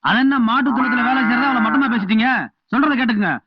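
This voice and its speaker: An actor playing a cheeky farmhand sent to clean a cowshed, answering back with quick comebacks. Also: male voice, very high voice, breathy edge, dry recording. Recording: dull film soundtrack with music.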